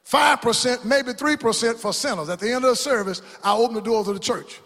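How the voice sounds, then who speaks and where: A man preaching a sermon as pastor, rising into shouts and call-and-response in a church. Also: extremely high pitch, brisk, husky. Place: church sanctuary. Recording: long hall reverb.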